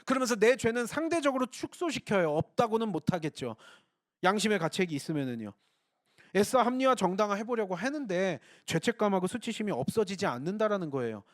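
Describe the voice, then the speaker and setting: Male preacher, urgent rapid delivery, rhetorical, dry close mic. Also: high-pitched, very animated, dry recording. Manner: earnest, rhetorical questions to the congregation. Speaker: pastor. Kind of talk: sermon.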